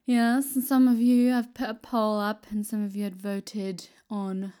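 A woman's voice: medium pitch, level tone, a little slow, warm tone, clean tone. A woman in her twenties co-hosting a podcast in casual, chatty talk, laughing easily. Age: 20s. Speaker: podcast co-host. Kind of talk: casual chat.

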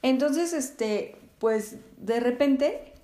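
A woman's voice: high-pitched, expressive, extremely slow, dark tone. A woman telling a story in casual chat, with many fillers and frequent laughter. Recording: echoey room.

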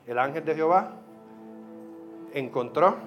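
A male pastor delivers a sermon in a somewhat high voice. He preaches in an animated, chatty way, slipping English words into his talk, with soft music playing underneath. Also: a little slow.

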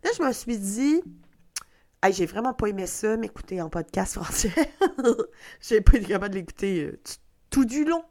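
A woman's voice: mid-range voice, expressive, fairly quick, a little mellow. A middle-aged woman from Quebec with a Québécois accent, hosting a podcast in a chatty, self-mocking monologue that is sprinkled with swearing. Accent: Québécois French. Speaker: podcast host. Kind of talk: casual monologue.

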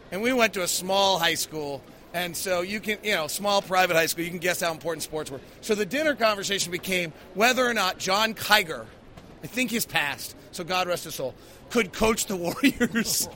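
A man hosts a post-game sports show and podcast as a basketball broadcaster, offering casual, emphatic analysis and stories with a taste for exaggeration. His high-pitched voice is bright and forceful, with slight background noise.

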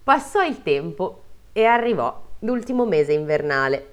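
A woman's voice: fairly low pitch, unhurried. A woman hosting a podcast, reading a folk tale aloud with joking asides and frequent laughter. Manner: expressive, laughs easily.

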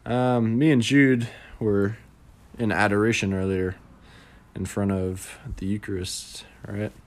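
Easygoing young man, low voice. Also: fairly even intonation, slow. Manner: easygoing, laughing, many fillers. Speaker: podcast co-host. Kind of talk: casual chat.

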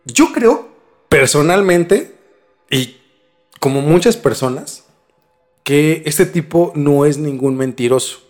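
A man hosting a podcast tells a story conversationally to his co-host, repeating phrases for emphasis. His voice is fairly high and animated but slow, with frequent pauses, and a music bed plays underneath.

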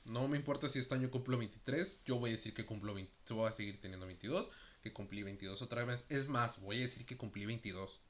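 A man's voice: medium pitch, quick pace, sharp tone. A young man in his twenties from Mexico, chatting casually and jokingly, then reading a news item aloud, with many fillers. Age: 20s.

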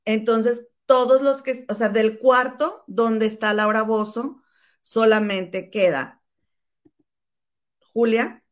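A woman in casual gossip chat, animated and calling her listener comadre. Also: mid-range voice. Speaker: co-host.

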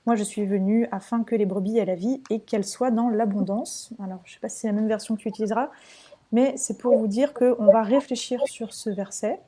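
A woman hosts a webinar with a fairly high, mellow voice. She introduces each guest in a friendly way and often pauses on fillers. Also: fairly even intonation. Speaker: webinar host. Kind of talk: introducing speakers.

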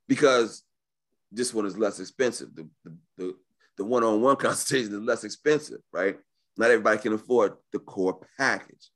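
A man giving a casual, slangy live webinar sales pitch in the manner of a home shopping host, pushing deals and often checking in with the listener. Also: fairly bright tone. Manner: informal and slangy, often checking in with right and okay. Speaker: business credit coach hosting a sales webinar.

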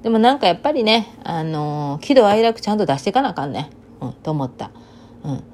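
A woman with a thick Kansai accent, talking solo in a loose, chatty monologue. Her voice sits fairly low and mellow, and her pitch swings widely as she tells stories. Now and then she slips into sharp dialect outbursts. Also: lively intonation, brisk, a little hiss or hum. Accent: Kansai, Banshu dialect. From Kansai region of Japan. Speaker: vlogger. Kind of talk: casual monologue.

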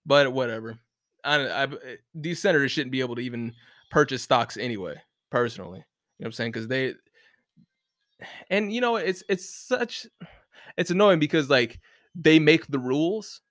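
A man's voice: mid-range voice, lively intonation, moderate pace, long pauses, a bit bright, no echo, studio quality. A man ranting casually, rambling with many restarts and fillers and swearing freely. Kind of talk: casual rant to camera. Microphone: close mic, bumped once.

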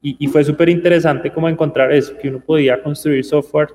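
A Colombian man talks through his career as a radio guest, pausing and restarting as he thinks. His pitch stays flat and even. A long reverb trails his voice. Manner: thoughtful, with frequent restarts. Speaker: guest, company founder. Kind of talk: radio interview.

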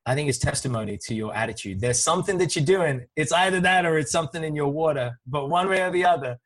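A man hosting a podcast interview, chatty and enthusiastic, with a slightly husky voice. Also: fairly high pitch, lively intonation, fast, a bit bright, no room sound. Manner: enthusiastic, chatty, many fillers. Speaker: podcast host. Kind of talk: casual interview.

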